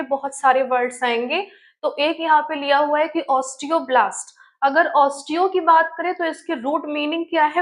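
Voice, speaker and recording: A woman's voice: high voice, a bit bright. A woman biology teacher giving an online study-tips lesson, who explains step by step and keeps asking and answering her own questions, with terms.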